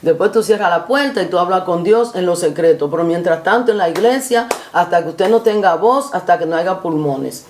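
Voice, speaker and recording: A woman's voice: on the low side, fairly quick, hardly any pauses, a little mellow, reverberant. A woman giving an earnest spoken reflection like a sermon, using repetitive rhetorical phrasing and addressing the listener formally. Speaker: preacher.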